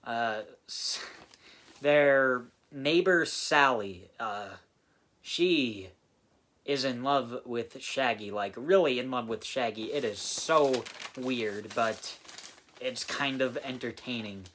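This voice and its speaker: A man giving a casual movie review, halting with many fillers and restarts. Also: mid-range voice, fairly bright tone, a little hiss or hum. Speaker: film reviewer.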